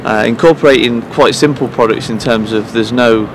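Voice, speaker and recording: A man in his thirties, a head groundsman, speaking earnestly to camera outdoors at pitch side in an empty stadium, pausing often with fillers and restarts. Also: noisy background. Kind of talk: promotional interview to camera.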